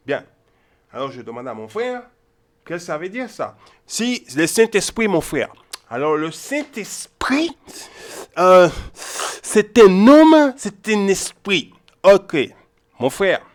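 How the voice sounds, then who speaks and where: Man, Bible teacher, somewhat high voice, emphatic, repetitive, informal teaching. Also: sing-song, slow pace. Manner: repetitive, emphatic, keeps checking in with "ok?" and "hein?".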